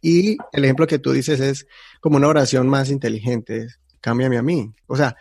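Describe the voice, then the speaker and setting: A man on a faith talk show with a middle-pitched voice. He explains his ideas reflectively, setting one example against another. The sound is close and dry. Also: fairly even intonation, moderate pace, darkish tone, no echo.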